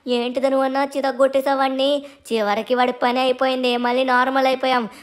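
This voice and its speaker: A man voicing a cheeky little boy cartoon kid who chatters excitedly and asks lots of questions. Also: a little fast. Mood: relieved. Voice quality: squeaky childlike.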